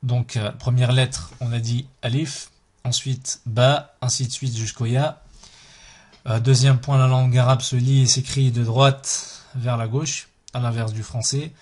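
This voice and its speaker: Male teacher, husky, slow and patient, repeats each letter aloud. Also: mid-range voice, flat delivery, a little mellow. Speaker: Arabic teacher. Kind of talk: language lesson.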